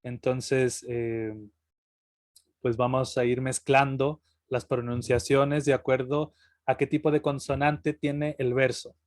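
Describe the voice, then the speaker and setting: Man, workshop teacher, halting relaxed delivery, mid pitch, close dry sound. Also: no echo. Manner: relaxed, halting, many fillers and restarts. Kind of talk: online workshop lesson.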